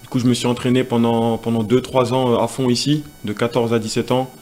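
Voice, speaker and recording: A young man in his twenties answers questions at an easy pace, casual and unhurried. His voice sits at a middle pitch. A faint background noise hums behind him. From Senegal. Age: 20s. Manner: relaxed, casual, many fillers. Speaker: tennis player guest.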